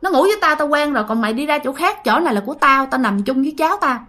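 A woman's voice: high voice, expressive, fast, fairly bright tone. A woman voicing a scolding old grandmother ghost.

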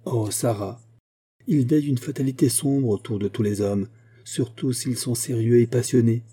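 A man's voice: medium pitch, normal speed, dark tone, husky, lightly acted. A man voicing a brooding, passionate young Corsican lover, pleading and impassioned. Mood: anguished.

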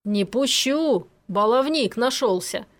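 A woman voicing a gruff, burly older male forest robber who grumbles and scolds slowly in an audiobook. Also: fairly high pitch, expressive. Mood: scolding. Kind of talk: audiobook character reading.

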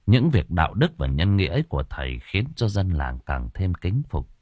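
Man, audiobook narrator, expressive storytelling, animated lively delivery, dry close-miked voice. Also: sits low, moderate pace, no room sound.

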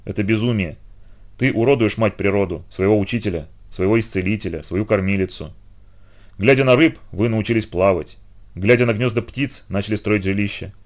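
A man voicing a wise, gentle old male centaur in an audiobook, speaking quietly and gravely. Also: on the low side, a little fast, lightly acted. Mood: grave sorrow.

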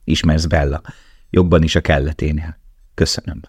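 A man's voice: rumbling low, level tone, slightly rough, dry recording, clean studio sound. A man reading an earnest, protective young prisoner. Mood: earnest urgent. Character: young male camp prisoner, warm, protective.

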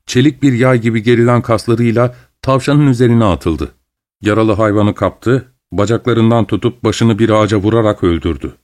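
A man narrating a novel as an audiobook in a steady, even storytelling delivery. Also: lowish voice, moderate pace. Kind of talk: scripted narration.

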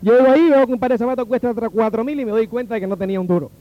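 A man's voice: very high voice, rapid-fire, highs cut off. A man from Cuba with a Cuban Spanish accent, telling a personal story and acting out the voices of the people in it. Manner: animated, acts out the dialogue of the people in his story.

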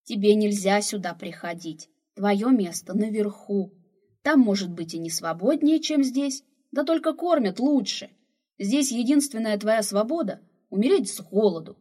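A woman's voice: medium pitch, normal speed, dark tone, breathy edge, natural voice. A woman reading the part of a huge, kindly old female slave cook who fusses and sighs over a runaway girl. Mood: pitying. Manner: fussing, motherly, sighing.

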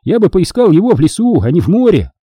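A man's voice: high voice, very animated, quick pace, warm tone, slightly rough, no room sound, clean studio sound, pitched above the performer's own voice, full character voice. A man reading the part of a cheerful, teasing old man in an audiobook.

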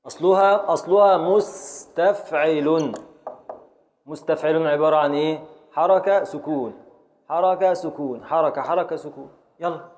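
A man's voice: on the high side, fairly quick, a little mellow. A man with an Egyptian Arabic accent teaching a classroom lesson, quizzing students and scanning verse syllable by syllable. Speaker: Islamic scholar teaching Arabic grammar and prosody.

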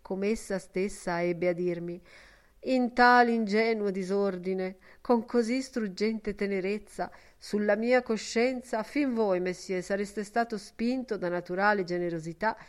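A woman reading the part of a sentimental, lovestruck gentleman who speaks in an ornate, emotional old-fashioned way. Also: mid-range voice, clean tone, natural voice. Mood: tender.

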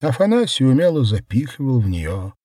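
A man narrating surreal prose in a measured, theatrical audiobook reading. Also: mid-range voice, sing-song, mellow, husky, no room sound, studio quality.

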